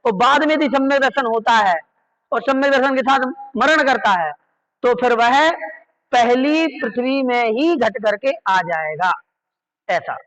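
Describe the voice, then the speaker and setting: A man's voice: very high-pitched, measured pace, a bit bright, low-quality recording. A man teaching a class on religious scripture, patiently repeating key terms and checking that his listeners follow. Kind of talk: slow explanatory class on Jain scripture.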